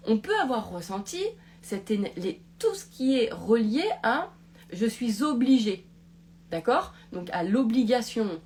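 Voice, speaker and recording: A woman's voice: medium pitch, slight background noise. A woman hosting a live talk, rambling with many restarts and checking in with "d'accord?". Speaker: podcast host. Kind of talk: casual live-stream talk.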